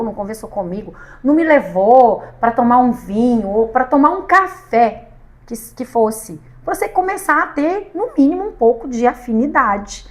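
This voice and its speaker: Lively Brazilian woman telling a story. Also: high-pitched. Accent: Brazilian Portuguese. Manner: animated, laughing storyteller acting out dialogue. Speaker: podcast guest. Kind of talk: casual storytelling chat. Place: podcast studio.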